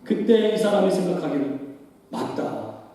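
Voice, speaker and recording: A man's voice: sits high, lively intonation, a little slow, dark tone. A male pastor preaching a sermon in a church sanctuary, telling stories emphatically and often calling out to the congregation. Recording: long hall reverb, distant in a church.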